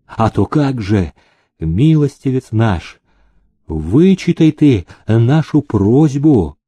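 A man's voice: medium pitch, lively intonation, slow pace, mellow, slightly rough, no echo. A male reader voicing a humble, sturdy young peasant miner who pleads with his master, in a storybook reading.

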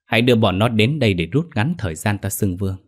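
A man's voice: on the low side, animated, fast. A man voicing a scheming male demon master who speaks in a cold, commanding way in a horror audio story.

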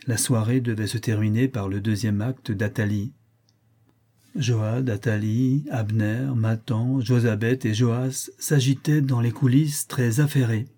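Guy reading an old short story aloud, calm measured audiobook style, husky voice. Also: medium pitch. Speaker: narrator.

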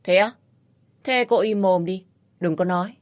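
A woman's voice: lowish voice, unhurried, lightly acted. A woman voicing a cocky, teasing young man with a brusque, mocking way of talking, in a storybook reading.

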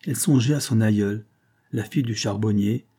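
A man narrating a classic novel as an audiobook in a steady, even storytelling delivery. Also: on the low side, a little fast, breathy edge.

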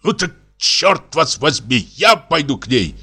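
A man voicing a drunk, quick-tempered investigator in his sixties, blustering and shouting in a raised voice. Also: a little high, sing-song, breathy edge, voice pushed up, heavily acted. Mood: indignant. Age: 60s.

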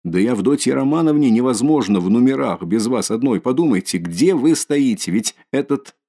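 A man's voice: medium pitch, expressive, normal speed, dark tone, voice pushed up. A man voicing a timid, tearful old-fashioned mother. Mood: anxious. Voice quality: pleading, fearful. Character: anxious middle-aged mother, timid and tearful.

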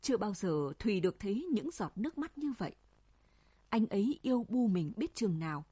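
A woman with a husky voice, narrating a story in an even storytelling manner. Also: mid-range voice, brisk, no room sound. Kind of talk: audiobook story reading.

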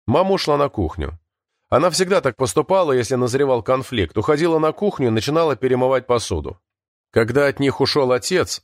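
Male audiobook narrator, animated pitch, dry studio sound. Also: no room sound. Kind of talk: scripted narration.

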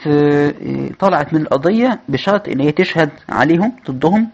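A man's voice: a little high, lively intonation, fast talker, a little mellow, muffled recording. A man with an Egyptian Arabic accent hosting a podcast, reading book passages aloud and then commenting in casual talk full of hesitations. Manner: reads quoted passages with raised voice, then chats with many hesitations. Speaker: podcast host.

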